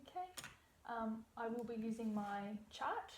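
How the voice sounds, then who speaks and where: A young female iridology practitioner walks through a practice consultation step by step, sounding reassuring. Her voice is a little high and animated, her pace measured, and the room is echoey with a faint hum in the background.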